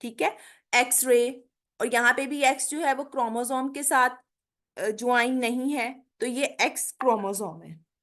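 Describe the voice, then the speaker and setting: A woman's voice: high voice, a bit bright. A woman teaching pronunciation in an online lecture, explaining patiently and checking in often with her students. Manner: explains slowly, mixing Hindi with careful English, keeps saying "theek hai". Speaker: English teacher. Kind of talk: online spoken English lecture.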